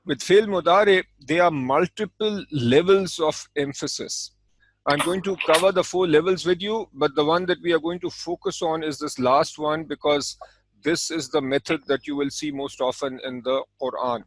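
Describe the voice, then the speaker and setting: A man teaching an Arabic grammar lesson, explaining calmly and step by step, with Arabic terms spoken in between. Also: on the high side, moderate pace, no room sound, low-quality recording. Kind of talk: recorded language lesson.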